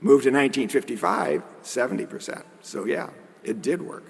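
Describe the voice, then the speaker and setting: A man's voice: mid-range voice, animated, normal speed, gravelly, slightly rough. A man giving a conference lecture in a conversational way, with joking asides. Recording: long hall reverb.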